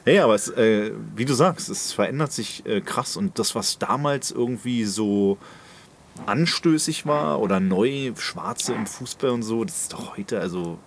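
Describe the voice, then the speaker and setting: A man's voice: on the low side, expressive, a little slow. Rambling young man, faint background hiss. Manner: rambling, hesitant with many fillers. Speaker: podcast co-host. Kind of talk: casual chat.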